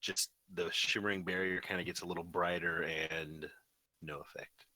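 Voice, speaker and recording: A man's voice: deep voice, steady tone, moderate pace, pushed and bright, no room sound. A young man running a tabletop game as game master, with wry, easygoing rulings.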